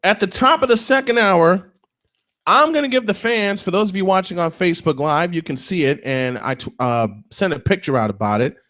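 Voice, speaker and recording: Excitable, chatty morning show host man. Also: high-pitched, a little fast. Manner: excitable, chatty, fumbling with his setup. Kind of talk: live sports talk show with sponsor reads.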